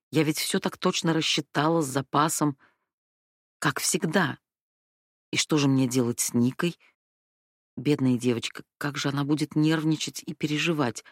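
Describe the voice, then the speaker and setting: A woman's voice: sits low, no echo, clean studio sound. A woman narrating an audiobook in the first person, telling the story anxiously and with emotion.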